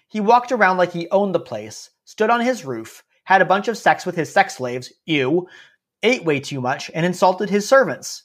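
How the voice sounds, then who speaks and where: A man's voice: high-pitched, very animated, normal speed, few pauses, fairly bright tone. A man narrating a story podcast in a casual, snarky way, dropping wry asides as he goes.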